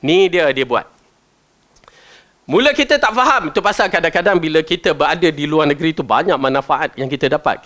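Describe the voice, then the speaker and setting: Man, Malaysian Malay accent, religious teacher, Quran commentary lesson, high voice, chatty, swings from loud stresses to low asides. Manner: chatty, asks the listeners questions.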